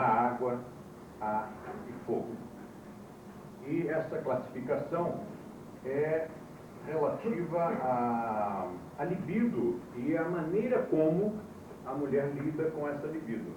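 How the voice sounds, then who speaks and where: A man with a Brazilian Portuguese accent teaching a class, slowly spelling out terms, heard from an old VHS tape recording. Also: a little high. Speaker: yoga teacher. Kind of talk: classroom lecture. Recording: hissy old VHS tape, echoey room, far mic.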